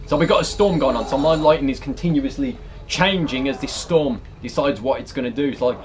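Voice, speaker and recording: This let's player is a British man around his thirties, delivering brisk, casual reactions to a horror game that are full of swearing and exasperation. His voice sits in the mid range, over clear game ambience and background noise.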